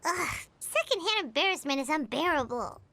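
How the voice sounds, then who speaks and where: A woman's voice: high voice, big pitch swings, normal speed, pushed and bright, full character voice. A woman voicing a tiny, chirpy floating companion creature in a video game, teasing and blunt. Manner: speaks of herself in third person, teasing.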